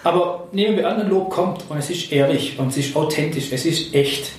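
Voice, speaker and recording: A man's voice: fairly high pitch, fairly quick. A man hosting a podcast, explaining and asking questions like a leadership trainer. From Swabia, Germany. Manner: explanatory, asks questions, coaching tone. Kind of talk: conversational podcast talk. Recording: very echoey room, distant mic.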